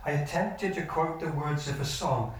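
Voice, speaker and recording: An older man preaching a sermon as pastor, earnest and measured, his sentences often sinking low at the end. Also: a little hiss or hum. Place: church hall. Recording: echoey church hall from far off.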